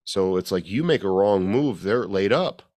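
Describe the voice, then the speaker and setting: A man's voice: low-pitched, lively intonation, moderate pace, darkish tone. A man co-hosting a casual podcast chat as a fitness coach, rambling with many restarts and fillers.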